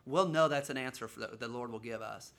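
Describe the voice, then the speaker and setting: An earnest man shares a family decision in casual conversation. His voice is bright and forward, and he talks haltingly and restarts often. He sits at a middle pitch for a man. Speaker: father sharing a family's mission call.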